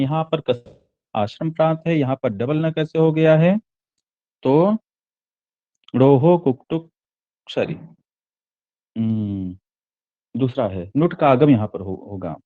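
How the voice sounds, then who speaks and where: A man's voice: fairly high pitch, lively intonation, slow, pauses often, dull audio. A man teaching a Sanskrit text: he reads each line, then explains it word by word, repeating and correcting himself as he goes.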